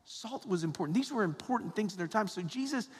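A fairly high-voiced man from Georgia in the United States, with an American accent, acts as a priest delivering a sermon and Gospel reading at Mass. His plain, congregation-directed speech is animated, quick and slightly rough, conversational and folksy, often tagged with "right?" and "okay?". It echoes through a large church interior with long, cathedral-like reverb.

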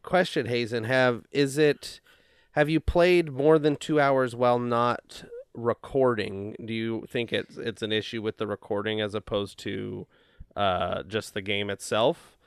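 A man's voice: medium pitch, steady tone, a little slow, clean tone, dry recording, clean studio sound. A man on a casual podcast, asking a question hesitantly and with restarts.

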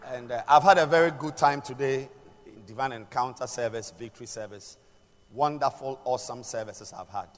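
An older man preaching a sermon in a deliberate way, pausing and repeating phrases for emphasis. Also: mid-range voice. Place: large church hall during a service. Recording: long echoing hall reverb, music behind.

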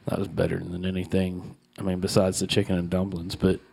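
A man's voice: sits low, completely flat delivery, fairly quick, creaky, a little mellow, husky. A man from Southern Arkansas with a Southern accent, chatting casually as a co-host and telling teasing stories. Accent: Southern American. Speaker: podcast co-host. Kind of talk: casual chat.

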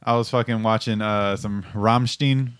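A man's voice: fairly low pitch, steady tone, moderate pace, smooth, no echo. A man co-hosting a casual podcast chat, telling rambling, profane stories full of fillers. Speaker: podcast co-host.

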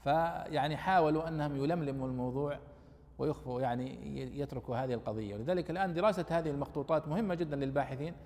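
A man's voice: on the high side, racing, a little mellow, in a large hall. A man teaching a lesson on Quran commentary, explaining the text and raising his voice with emphasis on quoted verses.

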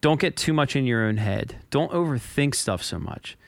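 A man's voice: medium pitch, expressive, normal speed, gravelly, dry recording. A man co-hosting a casual podcast, telling a rambling story with frequent restarts and stutters. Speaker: podcast co-host and drummer. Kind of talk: casual chat.

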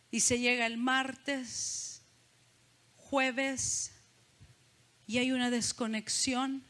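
A woman's voice: fairly high pitch, fairly bright tone. A woman preaching a sermon, talking to the congregation and putting questions to them. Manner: conversational, asks the congregation questions.

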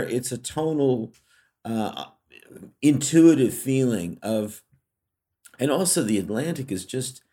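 A middle-aged Californian man with a mid-range, slightly mellow voice co-hosts a podcast. The conversation is casual and reflective, full of fillers and restarts.

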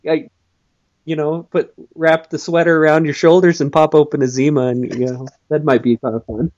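A man's voice: on the high side, steady tone, normal speed, a little mellow, dull audio. A man chatting casually as a guest, hesitant and full of filler words. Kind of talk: casual chat.

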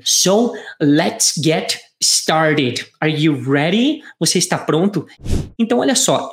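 An English teacher, giving a lesson and drawing out English phrases slowly for the listener to repeat. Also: mid-range voice. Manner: slow, drawn-out English phrases for repetition. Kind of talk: online language lesson. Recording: roomy echo.

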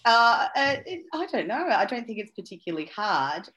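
A woman's voice: fairly high pitch, sing-song, normal speed, a bit bright. A woman, an interview guest who talks casually with many fillers and restarts. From Australia. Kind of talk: conversational interview.

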